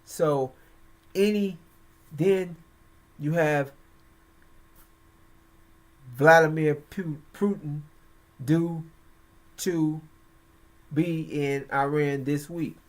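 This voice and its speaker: A man hosting religious and political commentary, speaking in a halting, emphatic way with frequent pauses. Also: on the high side, steady tone. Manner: slow, halting, emphatic delivery. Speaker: host.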